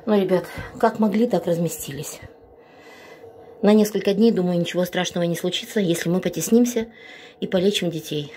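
A middle-aged woman rescuing animals talks briskly in a voice on the low side, with background noise behind her. Although ill with bronchitis, she makes a casual, earnest appeal to viewers and speaks tenderly to sick puppies, filmed on a phone indoors at a vet clinic and a home room.

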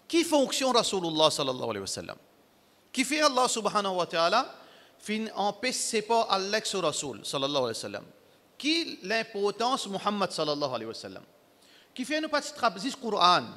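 A man preaching to his congregation, emphatic and repetitive, in broken, halting phrasing. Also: high voice, bright, forceful tone, in a large hall. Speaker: Islamic preacher. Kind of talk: sermon to a congregation.

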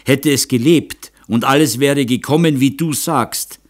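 Man putting on a remorseful woman, audiobook, raised pitch, slow, pleading tone. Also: close to an everyday voice. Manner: pleading, self-reproaching. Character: remorseful middle-aged woman, timid and tearful. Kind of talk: audiobook character reading.

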